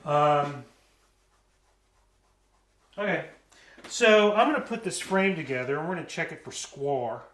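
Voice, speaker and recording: A man's voice: on the high side, expressive, unhurried, long pauses, a bit bright. A man from the American South with a slight Southern accent, demonstrating woodworking casually and rambling with joking asides. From Southern United States. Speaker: woodworking instructor. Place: woodworking shop. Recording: echoey shop, distant mic, background noise.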